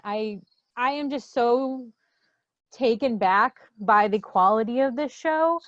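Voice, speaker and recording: A woman with a slightly high voice gushes about the show. The call audio is dull and dry, with no room sound. She talks quickly and is full of emotion. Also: no echo. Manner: quick, gushing, emotional, many fillers. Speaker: exhibiting artist. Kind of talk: casual heartfelt remarks on a video call. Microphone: video call.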